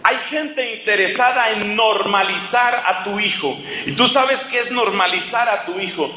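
An impassioned male preacher delivers a sermon full of sarcasm and rhetorical questions. His voice sits high and bright, and the hall around him echoes. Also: moderate pace, slight background noise.

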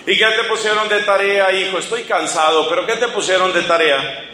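A man playing a weary father, tired at first and then indignant at the school, in a high, bright voice. He is heard in a roomy, echoing space, as a preacher acts the part out during a sermon. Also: fairly even intonation, a little fast, a little hiss or hum.

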